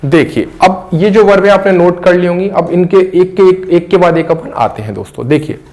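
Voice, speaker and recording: A middle-aged man teaches English grammar in a voice that sits slightly high. He breaks phrases into single words and repeats them slowly so students can follow. He speaks into a close mic. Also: a little mellow. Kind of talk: classroom grammar lesson.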